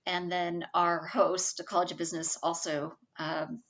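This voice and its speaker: A middle-aged woman speaks in a husky whiskey voice, pitched a little low. She talks casually as a podcast guest, with a self-deprecating, joking way about her. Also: little pitch movement, moderate pace, a bit bright, dull audio, a little hiss or hum. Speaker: guest, small business center director.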